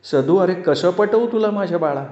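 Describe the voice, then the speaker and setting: A man voicing a grieving middle-aged village mother who begs her son, raising his voice high and tearful. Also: takes it slowly, darkish tone, close to an everyday voice. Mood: pleading. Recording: roomy dull lo-fi sound.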